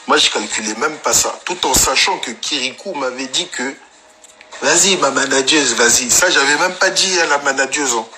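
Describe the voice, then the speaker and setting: A young man casually telling an anecdote in slangy, animated street talk. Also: mid-range voice, normal speed, hardly any pauses, crowd noise. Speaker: storyteller guest.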